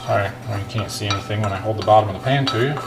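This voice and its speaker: A man's voice: lowish voice, rapid-fire. A man talking casually like a home cooking show host, explaining each step in a folksy way as he works in a kitchen. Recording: clear background noise, kitchen clatter.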